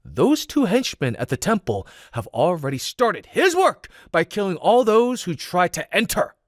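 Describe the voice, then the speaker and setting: A man's voice: expressive, a little slow, dry recording, clean studio sound. A man doing a brash, defiant leader. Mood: fervent. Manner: brash, challenging, rising pitch. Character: arrogant, defiant male military leader.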